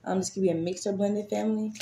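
A woman's voice: mid-range voice, steady tone, fast talker. A woman giving a casual tarot reading, chatty and swearing freely, with many fillers. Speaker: tarot reader. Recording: echoey room, faint noise.

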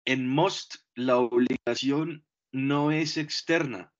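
A man teaching English grammar, explaining slowly and deliberately and checking in with short questions. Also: medium pitch. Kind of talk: bilingual grammar lesson. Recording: dull lo-fi recording.

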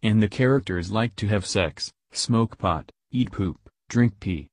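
A man reading out a rant, bluntly listing insults in a flat way. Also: lowish voice, a little slow, no echo, studio quality. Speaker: ranter.

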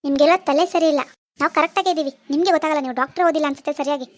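A proud, wealthy mother in an animated drama, voiced by a woman. She brushes people off with scorn and pushy confidence. Her voice sits very high and the words come quickly. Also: dry recording, close to an everyday voice. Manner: scornful, dismissive, brash. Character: rich, haughty mother of adult daughter. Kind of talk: Kannada cartoon drama voicing.

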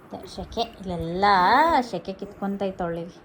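A woman's voice: mid-range voice, level tone, normal speed, warm tone, a little hiss or hum. A woman with a Kannada accent vlogging casually at home and soothing a crying baby.

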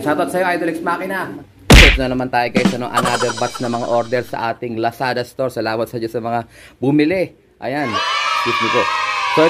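A man from the Philippines, casually showing pigeons and their pedigrees to viewers, often calling them guys. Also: medium pitch. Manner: chatty, keeps addressing viewers as guys. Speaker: pigeon breeder and vlogger. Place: pigeon loft with birds around. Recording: noisy loft with bird sounds. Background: pigeons cooing.

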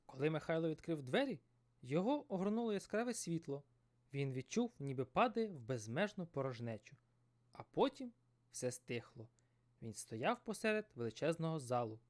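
Storyteller, male, dramatic fairy tale narration, very animated intonation. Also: a little high. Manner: expressive, dramatic.

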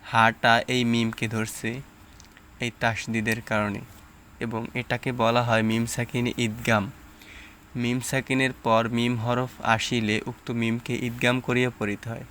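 A man's voice: mid-range voice, level tone, measured pace, fairly bright tone, slight background noise. A man teaching Quran reading, explaining rules and then sounding out letters and syllables one at a time. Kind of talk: slow step-by-step recitation lesson.

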